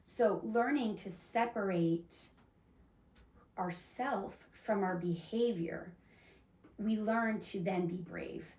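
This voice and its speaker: A woman's voice: mid-range voice, takes it slowly, a little mellow. Woman host, earnest explainer, casual restarts, roomy echo, sits back from the mic. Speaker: podcast host. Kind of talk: casual faith-based discussion. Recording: echoey room, mic at a distance.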